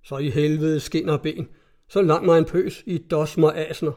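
A man's voice: on the high side, steady tone, a little mellow, close to an everyday voice. A man voicing an irate male customs-cutter captain who curses and barks orders, in a read-aloud story. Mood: shouting orders. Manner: gruff, cursing, barking orders.

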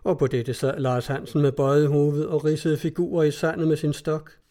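A man reading a literary story aloud in a measured, even storytelling manner. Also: a little high. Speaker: audiobook reader. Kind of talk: scripted literary narration.

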